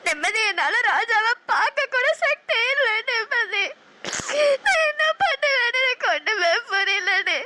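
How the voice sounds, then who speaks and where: A sobbing, pleading cartoon heroine. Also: female voice, very high voice, very animated, measured pace, sharp tone, full character voice. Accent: Namakkal Tamil. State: crying. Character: heartbroken young woman in love.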